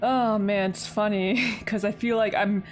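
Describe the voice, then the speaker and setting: A woman's voice: medium pitch, fairly even intonation, measured pace, soft background music. A woman hosting a game playthrough, reading the story aloud with chatty, giggly asides. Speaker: let's play host. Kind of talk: reading a visual novel aloud with commentary.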